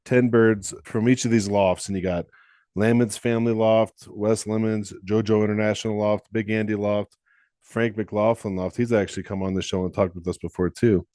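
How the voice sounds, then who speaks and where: A man's voice: on the low side, level tone, normal speed, mellow, no room sound, clean studio sound. A man hosting a podcast interview, chatty and often restarting his questions mid-sentence. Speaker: podcast host. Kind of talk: casual interview.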